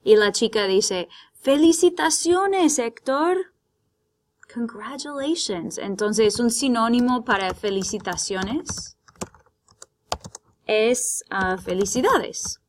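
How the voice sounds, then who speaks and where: Slow, patient bilingual teacher woman. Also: medium pitch. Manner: explains words slowly and patiently, switching between Spanish and English. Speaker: Spanish teacher. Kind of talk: vocabulary lesson, bilingual.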